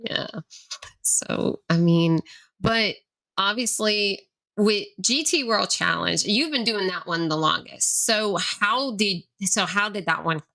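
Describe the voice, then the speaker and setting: Bright-voiced woman podcast host. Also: mid-range voice, slow pace, gravelly. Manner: rambling, with many fillers and restarts. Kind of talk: casual interview chat.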